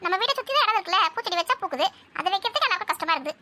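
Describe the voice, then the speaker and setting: A woman's voice: very high voice, lively intonation, bright, forceful tone, slight background noise. A woman, playing a village housewife who nags and scolds in everyday family banter. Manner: scolding, nagging, quick back-and-forth.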